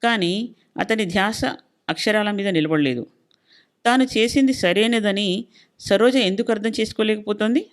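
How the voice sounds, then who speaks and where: A woman storyteller narrating a short story in a calm, measured reading style. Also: medium pitch.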